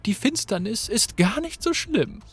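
A man's voice: very high voice, very animated, unhurried, breathy edge, faint music behind, voice pushed up, full character voice. A man reading the lines of a mocking villainous sorceress in a game story. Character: scornful villainous sorceress woman.

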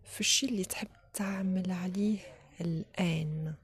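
Leading a guided meditation, a woman with an Algerian accent speaks in a soft, often whispered voice with a breathy edge and fairly low pitch. She gives short instructions and pauses between them.

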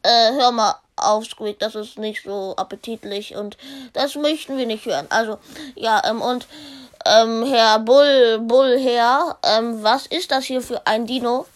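A woman's voice: a little high, a little slow, natural voice. A woman voicing a chatty, curious schoolkid character in a fan story.

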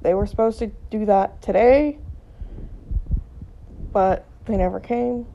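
A woman's voice: takes it slowly, slight background noise. A middle-aged woman at home, sounding tired and sick, talking in a meandering, casual way with many ums and trailing sentences. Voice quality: gravelly, low-energy. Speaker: vlogger. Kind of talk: casual rambling monologue. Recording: dull lo-fi recording.

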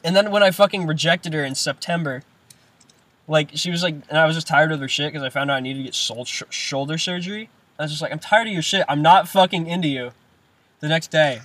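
A man's voice: a little high, fast, a bit bright, dry recording. A teenage man chatting on a podcast, rambling and swearing freely as he tells a story. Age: teens. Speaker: podcast guest. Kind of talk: casual chat.

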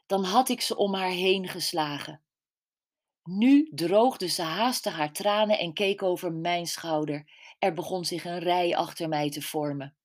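A middle-aged woman author reading her own personal column aloud in a reflective, deliberate way. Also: on the low side. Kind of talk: scripted personal narration.

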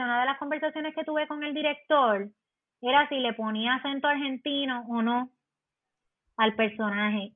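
A woman's voice: fairly high pitch, no room sound. Puerto Rican woman, tinny sound. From Puerto Rico. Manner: animated, explanatory, many fillers. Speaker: actress guest. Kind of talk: podcast interview chat. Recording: dry tinny phone-like sound.

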